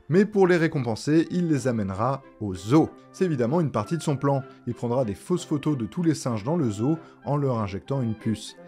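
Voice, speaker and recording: Over background music, a young man narrates a scripted video essay, delivering an irreverent recap in a sarcastic, colloquial style. His voice sits in the mid-range and is slightly mellow.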